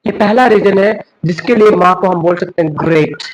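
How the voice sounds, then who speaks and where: High-voiced man telling a moral story. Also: normal speed, poor audio. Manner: earnest, rhetorical questions. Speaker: English teacher giving a moral talk.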